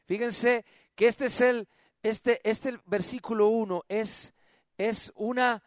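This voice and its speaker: High-voiced man preaching. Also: fairly even intonation, takes it slowly, no echo, clean studio sound. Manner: call-and-response, swings from loud to soft. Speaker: pastor. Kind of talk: sermon.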